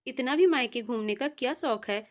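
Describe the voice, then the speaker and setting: A woman narrator voices a sharp-tongued sister-in-law who taunts with sarcasm. The voice sits a bit high and the lines drip with mockery in a spoken family tale. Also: moderate pace, lightly acted. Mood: taunting.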